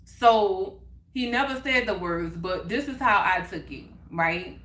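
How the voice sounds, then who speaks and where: A woman hosting a casual chat, telling a personal story in an animated way, repeating phrases for emphasis and acting out what others said. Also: medium pitch, unhurried, roomy sound. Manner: animated, acts out others' words in quotes. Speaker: livestream host.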